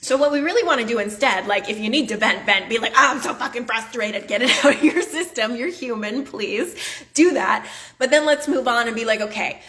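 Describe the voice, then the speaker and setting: Blunt, higher-voiced woman motivational host. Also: expressive, a little fast, a bit bright. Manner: blunt, emphatic, swears casually; chatty, many "like" fillers. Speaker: podcast host and business coach. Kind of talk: motivational podcast monologue.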